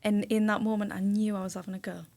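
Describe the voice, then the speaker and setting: A podcast guest recounts something from her own life in a studio room, emotionally and vividly, voicing what others said. She talks fast at medium pitch, with a flat delivery, vocal fry, and a slightly mellow tone.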